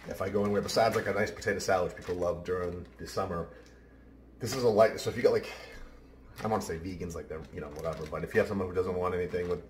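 A man's voice: sits low, very fast, distant mic, slight background noise. A man, casually talking through a recipe while he works in a large home kitchen. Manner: chatty, offhand, talks while working. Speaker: home cooking show host. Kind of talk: casual cooking demonstration. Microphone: camera mic at a distance, then close to camera. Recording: roomy kitchen sound, heard from afar.

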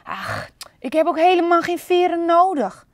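A woman's voice: normal speed, no echo, clean studio sound, exaggerated voice. A woman voicing a lonely, eager young panda. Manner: excited exclamations, high and bouncy.

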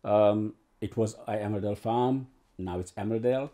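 In a living room furnished with bookshelves and a sofa, a man in his sixties from Uganda, an actor, recounts his life for an oral history interview. His voice is on the low side and warm, at normal speed, and he rambles, restarting often and using lots of fillers.

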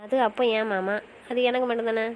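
A woman voicing a sulky, playful young wife who talks back quickly in an audio romance series. Her voice sits fairly high and she speaks. A faint hiss runs under the home recording. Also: fairly even intonation, lightly acted, low-quality recording. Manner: fast, pouty back-talk.

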